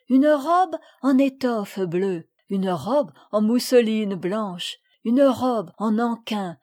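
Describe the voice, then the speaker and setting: A woman reading a children's classic aloud as an audiobook, in measured scripted narration. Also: a little high, warm tone. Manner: measured, listing items evenly. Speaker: audiobook reader.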